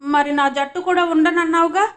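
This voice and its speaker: A woman's voice: very high-pitched, fairly even intonation, moderate pace, fairly bright tone, pitched above the performer's own voice. A shy, tearful little boy, as a woman reads him. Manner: sobbing, hesitant.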